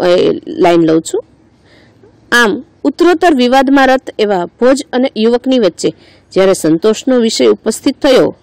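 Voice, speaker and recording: A woman's voice: medium pitch, darkish tone, dry recording, rough recording. A woman teacher with a Gujarati accent teaching a lesson. She reads each line aloud, then explains it word by word. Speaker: school teacher.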